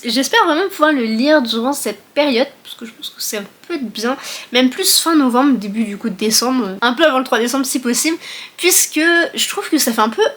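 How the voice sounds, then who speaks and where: A young woman with a fairly high voice talks straight to the camera in a casual book chat. She rambles, corrects herself and fills pauses with little hesitations. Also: fairly bright tone. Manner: chatty, rambling with many fillers and self-corrections. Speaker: book vlogger.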